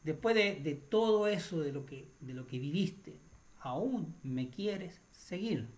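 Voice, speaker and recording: A man voicing Jesus as a gentle figure on the cross, asking a soft, pleading question within a story he tells on the radio. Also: fairly high pitch, lively intonation, takes it slowly, voice pushed up. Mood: tender.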